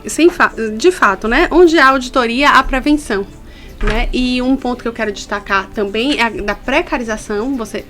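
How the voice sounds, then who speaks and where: A woman's voice: mid-range voice, fairly bright tone. A woman from Brazil, a labor inspector, explaining things earnestly in a radio studio interview. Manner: explanatory, earnest, stresses key points.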